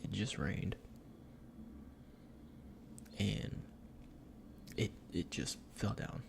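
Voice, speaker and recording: Slow, creaky man in whispered role-play. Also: lowish voice, background noise. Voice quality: breathy whisper with gravelly creak. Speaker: ASMR performer playing a cologne salesman.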